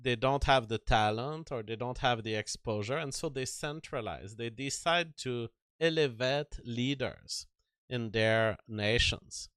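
A man hosting a solo livestream, giving opinionated commentary in a deliberate manner with rhetorical questions and repetition. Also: medium pitch, a bit bright, smooth, no room sound, studio quality. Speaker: livestream host.

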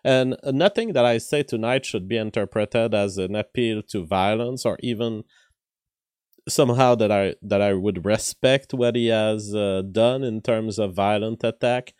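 Weak-voiced man, low. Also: unhurried, a little mellow, clean tone, dry recording, studio quality. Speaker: livestream host. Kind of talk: casual livestream commentary, reading viewer messages.

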